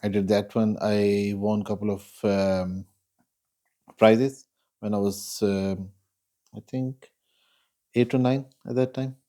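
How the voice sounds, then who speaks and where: Guy telling his life story in an interview, soft mellow voice, slow and thoughtful with lots of pauses. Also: lowish voice, little pitch movement. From Pakistan. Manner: measured and reflective, pausing often. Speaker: guest.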